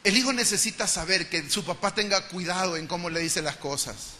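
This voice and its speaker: A male preacher delivers a sermon in a church. His voice sits high and cuts through with a bright, piercing edge. He talks lively and acts out little family dialogues as he goes. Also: a little fast, slight background noise. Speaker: pastor.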